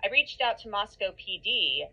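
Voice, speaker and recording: A woman news reporter delivering a measured, informative broadcast update. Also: medium pitch, lively intonation, sharp tone, husky, dull audio.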